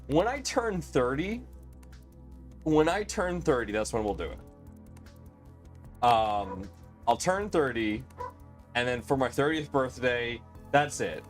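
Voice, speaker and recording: A man in his late twenties hosting a casual live stream, rambling and chatty with lots of fillers and restarts. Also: mid-range voice. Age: 20s.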